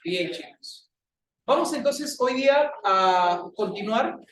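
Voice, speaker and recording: A man with a Peruvian accent teaches a class, bantering and poking fun at his students. His voice sits high, and it is caught from a distance in a bare, echoey classroom. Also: lively intonation, takes it slowly, fairly bright tone. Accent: Peruvian Spanish. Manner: playful, teasing banter with students. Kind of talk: classroom lecture.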